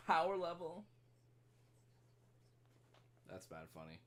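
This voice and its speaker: A man's voice: a little high, wildly swooping pitch, extremely slow, fairly bright tone. A young man reacting to videos in casual commentary, slangy, swearing and laughing often, with hiccups. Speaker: reaction streamer.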